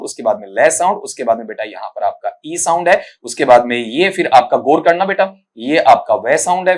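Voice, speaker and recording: A male English teacher giving a recorded exam-prep lesson, patiently explaining and drilling pronunciation sound by sound while calling his students "beta". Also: a little high. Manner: patient, explanatory, calls students "beta", frequent "thik hai" check-ins.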